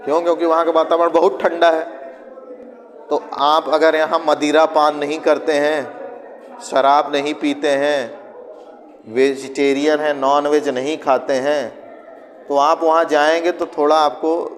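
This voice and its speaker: A man teaches a class in a relaxed, conversational way, firing questions and answering them himself. His voice sits fairly high for a man. The sound carries a long reverberant tail from the room. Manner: acts out students and parents in quick asides. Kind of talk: classroom lecture. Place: classroom with students present.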